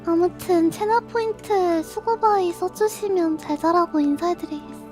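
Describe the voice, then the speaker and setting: A woman's voice: very high voice, normal speed, a little mellow, faint music behind. A young woman streamer chatting casually to her viewers in a cute, sweet anime-streamer manner. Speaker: live streamer signing off.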